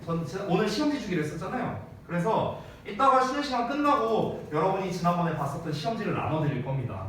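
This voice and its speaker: A male teacher gives a grammar lecture in a very echoey classroom, his voice caught from some distance away. He speaks with a somewhat high, very animated pitch. His manner is casual and playful, and he slips between polite and informal speech. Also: slight background noise. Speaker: English teacher. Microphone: wearing a mask, mic some distance away. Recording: very echoey room, voice off-mic with faint ambience.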